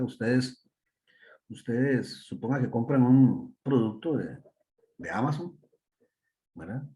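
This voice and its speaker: Man lecturing, mellow and hesitant. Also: mid-range voice. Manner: explains with many rhetorical "¿verdad?" tags and hesitant "eh" fillers; acts out brief customer dialogues in his examples. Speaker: university lecturer. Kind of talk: classroom lecture.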